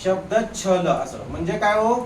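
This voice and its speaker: High-voiced man teaching grammar in class. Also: expressive, a little slow, echoey room, recorded from a distance, crowd noise, rough recording. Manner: repeats questions to the class, coaxing and explaining. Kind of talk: classroom lecture.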